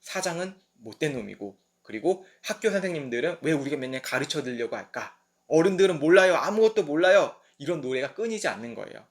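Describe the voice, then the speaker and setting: A young man preaching at a midweek service, telling the story with lively, acted-out asides. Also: mid-range voice, fast, few pauses. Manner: lively storytelling that acts out quoted voices. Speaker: pastor.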